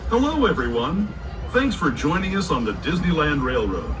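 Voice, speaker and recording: A man giving upbeat, folksy scripted tour narration on a theme park train ride, heard over a distant loudspeaker. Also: on the high side, huge pitch swings, normal speed. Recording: distant park loudspeaker with loud music and crowd. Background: loud music, crowd and vehicle noise.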